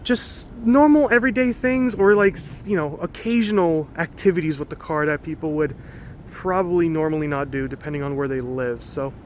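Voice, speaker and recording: Slightly high-voiced man rambling about a car. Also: brisk, a little hiss or hum. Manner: rambling, loose, many fillers. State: a bit out of breath. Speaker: car vlogger. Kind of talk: casual car walkaround.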